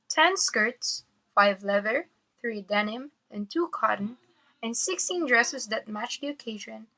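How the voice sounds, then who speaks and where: A woman's voice: on the high side, bright, forceful tone, low-quality recording. A woman reading scripted educational narration, explaining step by step.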